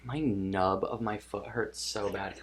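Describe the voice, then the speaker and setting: A woman chatting casually as a podcast guest, animated and gossipy with quick asides. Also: very deep voice. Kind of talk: casual chat.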